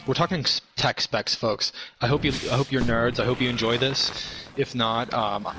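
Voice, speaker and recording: A young man chatting casually from home while gaming, rambling and halting, swearing often. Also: medium pitch, fairly even intonation, over music. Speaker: podcast guest. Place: home, at his girlfriend's parents' place. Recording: loud game gunfire behind voice. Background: video game gunfire and explosions.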